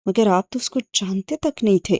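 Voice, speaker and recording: A woman's voice: medium pitch, a little mellow, no echo, lightly acted. A woman reading an audiobook and voicing an indignant young man who fires accusing questions. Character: indignant young man, quick-tempered brother.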